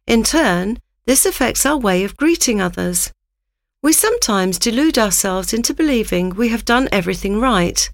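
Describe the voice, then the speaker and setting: Narrator, female: raised, animated pitch with a dry, close sound, measured and instructive. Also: no echo. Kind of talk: scripted narration.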